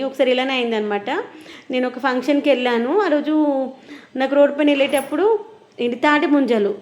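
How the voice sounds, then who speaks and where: Fast-talking, high-pitched woman. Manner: explanatory, conversational. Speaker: vlogger and mother. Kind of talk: casual chat to viewers.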